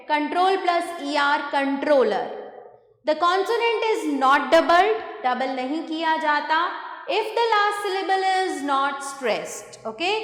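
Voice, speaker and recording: A woman's voice: high voice, a bit bright, roomy sound, long reverb tail. A woman with an Indian accent, teaching an English grammar lesson and explaining each rule in English, then again in Hindi.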